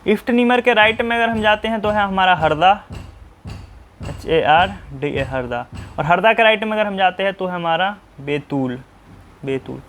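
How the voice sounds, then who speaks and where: A man's voice: high voice, moderate pace, a bit bright, a little hiss or hum. A man teaching how to draw a map. He keeps asking himself short questions and answering them, and he spells names out letter by letter. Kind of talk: map-drawing tutorial.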